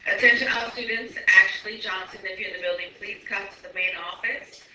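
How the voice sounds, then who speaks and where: A woman making a formal announcement to students, heard over a school loudspeaker. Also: mid-range voice, brisk. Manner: loud, formal calling out. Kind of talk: public address announcement. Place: school classroom, heard from a wall speaker. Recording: distant echoey PA with noise.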